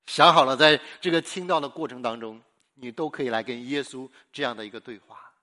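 Forceful, emphatic male preacher. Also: medium pitch, fairly quick. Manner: emphatic preaching with big swings between loud and hushed; repetitive rhetorical questions to the listeners. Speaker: pastor. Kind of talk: sermon.

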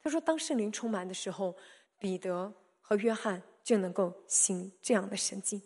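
A woman preaching a sermon, telling stories in an animated, emphatic way with sudden loud peaks. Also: medium pitch, normal speed, breathy edge.

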